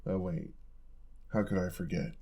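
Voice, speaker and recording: Playing an affectionate, playful roommate in an intimate audio roleplay, a young man talks softly, casually and teasingly. His voice is low and slightly rough, at a moderate pace.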